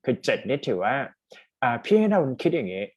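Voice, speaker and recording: Thai male speaking tutor on a call, husky and lively, chatty. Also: mid-range voice, fast, no room sound. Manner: chatty, mixes English terms into his talk. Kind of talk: casual one-on-one coaching.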